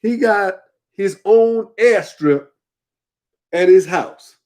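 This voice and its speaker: A man's voice: high voice, extremely slow, darkish tone. A man giving casual spoken commentary, emphatic and colloquial, repeating points for effect. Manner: colloquial, drops verbs and uses double negatives.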